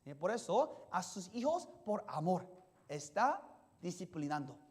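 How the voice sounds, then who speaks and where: A pastor preaching a sermon in simple, halting sentences. The pastor keeps asking the congregation questions and checking in with "yes?". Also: medium pitch, sing-song, darkish tone. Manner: simple, halting phrasing with restarts.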